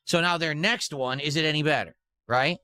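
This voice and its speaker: A man's voice: on the high side, normal speed, bright, forceful tone, clean tone. A man chatting casually as a livestreamer, rambling in a blunt, gushing way.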